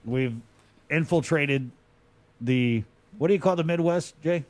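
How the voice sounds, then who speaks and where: A man's voice: a little high, a little slow, a little mellow. A man co-hosting a talk show, bantering casually and putting questions to guests in an informal, playful way. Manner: playful, informal, addresses people as dude.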